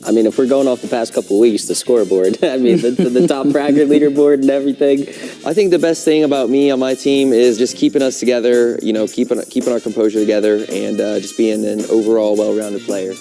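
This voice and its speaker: A man's voice: mid-range voice, steady tone, quick pace, hardly any pauses, warm tone, faint music behind. A man, a pro esports player, answering interview questions in a laid-back way, laughing easily and getting hyped.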